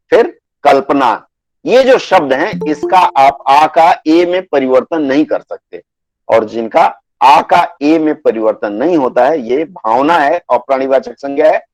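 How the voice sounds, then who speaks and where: A man teaches a Hindi grammar class online, patiently going over rules again and dictating word lists slowly. His voice is mid-range, and the recording is rough but has no echo.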